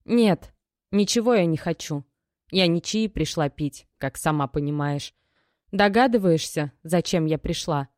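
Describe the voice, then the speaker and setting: A woman's voice: low voice, lively intonation, a little slow, a little mellow, dry recording. A woman reading an audiobook and voicing a desperate young mother whose dry, cracked voice trembles as she pleads and reproaches. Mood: tearful, reproachful. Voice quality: dry, cracked, tear-worn voice. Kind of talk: audiobook character voice.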